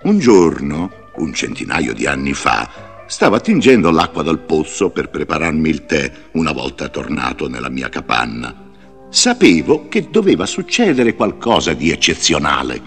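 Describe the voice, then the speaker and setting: Merlino, a deep-voiced old wizard. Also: male voice, normal speed, faint music behind, heavily acted. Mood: kindly. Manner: lively, theatrical storytelling. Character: old male wizard, wise and patient. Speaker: storybook narrator in character. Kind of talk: read-along storybook narration.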